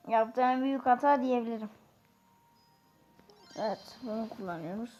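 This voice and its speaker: A woman giving chatty, excitable commentary on her own gameplay, talking straight to her viewers. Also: on the high side. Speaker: gaming YouTuber. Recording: dull lo-fi sound.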